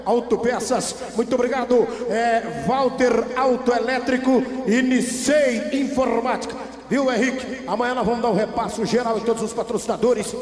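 A man calling a rodeo excitedly over a PA system, hearty and exclamatory, stretching out names and calls. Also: moderate pace. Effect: booming PA system. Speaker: rodeo announcer. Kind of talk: excited live rodeo commentary with drawn-out calls. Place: outdoor rodeo arena at night. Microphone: handheld mic through loudspeakers. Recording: arena PA, echoing long reverb, music behind. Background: loud country music.

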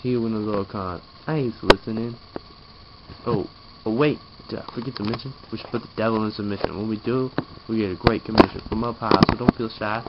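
A tired young adult vlogger yawns and talks drowsily while lying in a small bedroom, mumbling and trailing off, then raps verses into a webcam held close overhead. His voice is lowish, steady, and brisk, and the webcam audio is dull, lo-fi, and noisy.

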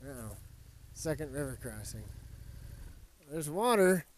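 A man's voice: a little high, big pitch swings, measured pace. A man giving casual, easygoing commentary in short bursts from inside a helmet while riding a motorcycle outdoors. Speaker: motorcycle vlogger. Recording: loud motorcycle engine noise, helmet mic. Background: motorcycle engine.

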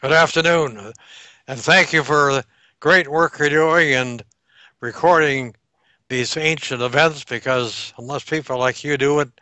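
Speaking through a headset on a video call from a home room by a staircase, a veteran in his nineties shares his World War Two memories for an oral history interview. His voice is a little high, pushed and bright, and the sound is dry with no room tone. He recalls things slowly and carefully, stopping to remember dates.

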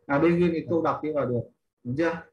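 A man's voice: a little high, racing, highs cut off. A man teaching an English class in Vietnamese, explaining a reading step by step and questioning his students as he goes. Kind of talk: online class instruction.

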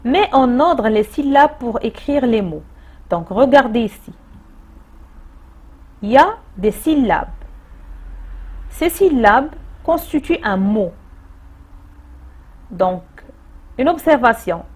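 A woman teacher with a Moroccan French accent, explaining a distance-learning grammar lesson slowly and patiently, repeating key points. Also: high voice, darkish tone, breathy edge. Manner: slow, patient explaining with repetitions. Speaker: primary school teacher.

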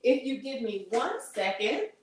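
A woman's voice: fairly high pitch, sing-song, unhurried, a little hiss or hum. Upbeat woman teaching a cooking demo. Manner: upbeat, engaging the audience with questions. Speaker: dietitian cooking instructor. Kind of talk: live cooking demonstration. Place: home kitchen, indoors. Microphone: camera at medium distance. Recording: echoey kitchen room sound.

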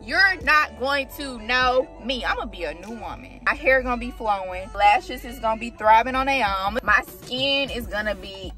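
A young woman chatting to her phone camera in a parked car, casual and expressive with slangy asides. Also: fairly high pitch, moderate pace, hardly any pauses, faint music behind. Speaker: lifestyle vlogger. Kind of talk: casual vlog narration. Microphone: phone camera at arm's length.

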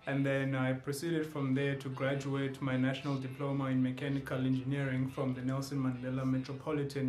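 A young South African YouTuber introduces himself on his video channel from a small indoor room with shelves, recorded by a camera at close range. His mid-range voice is darkish and reverberant, and he's playful, tossing in joking asides and switching into other languages.

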